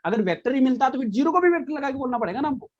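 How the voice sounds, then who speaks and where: A man's voice: very high-pitched, lively intonation, racing, muffled recording. A man teaching a physics class, repeating key points and quizzing his students with frequent questions. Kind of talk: live online class lecture.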